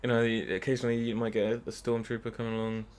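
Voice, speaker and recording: A man's voice: mid-range voice, completely flat delivery, rapid-fire, darkish tone, clear, resonant tone. Young man, let's play host, dry jokes, rambling, mid-range voice. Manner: dry joking, rambling asides. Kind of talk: casual gaming commentary.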